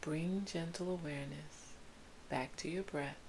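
A woman leads a guided sleep meditation in a soft, soothing whisper. Her voice is low and very unhurried, like a spa relaxation guide. A faint hiss runs behind her. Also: poor audio. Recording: hissy background noise.

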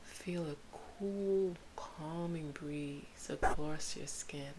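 Soft, very slow whispering woman meditation guide. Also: sits low. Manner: soft, soothing spa-like whisper. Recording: hissy background noise.

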